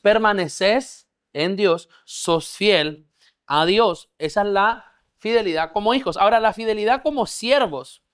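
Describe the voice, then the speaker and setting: This male pastor speaks in a high, unhurried voice that is fairly bright, clear and resonant. His discipleship sermon is delivered to a congregation in church, where he regularly makes sure they understand and gets them to echo his words back.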